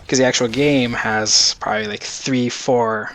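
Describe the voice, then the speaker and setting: Gravelly chatty young gaming vlogger man. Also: medium pitch, steady tone, moderate pace, a bit bright, slight background noise. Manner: rambling, loose and chatty. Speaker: gaming YouTuber. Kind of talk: casual video game prediction vlog.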